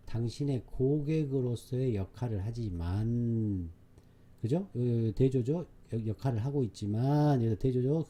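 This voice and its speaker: A little hiss or hum runs under a man's warm, mid-range voice as he explains a reading passage in an English exam-prep class. He repeats key words with emphasis and often checks in to confirm the class follows.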